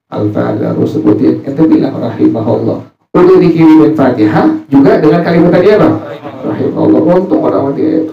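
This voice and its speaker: Joking preacher in an echoey hall. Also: male voice, medium pitch. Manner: jokey, asks the audience questions and answers himself. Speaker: religious teacher. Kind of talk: informal religious study sermon. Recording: roomy, distant, muffled, faint music.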